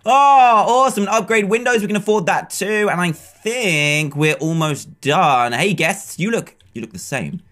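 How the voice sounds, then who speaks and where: A young man in his twenties with an English accent, giving excited, upbeat gameplay commentary and laughing often, recorded at a desk mic in a small room. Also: high voice, measured pace, few pauses. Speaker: gaming video host. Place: small room, webcam corner.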